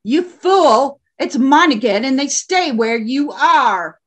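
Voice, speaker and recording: A woman's voice: high-pitched, lively intonation, slow. A woman playing a brutal male convict who leads his tribe, bullying and barking orders.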